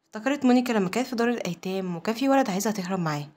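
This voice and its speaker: A woman with an Egyptian accent narrating a comic story recap in a brisk, matter-of-fact retelling. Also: medium pitch, animated, a little mellow. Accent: Egyptian Arabic.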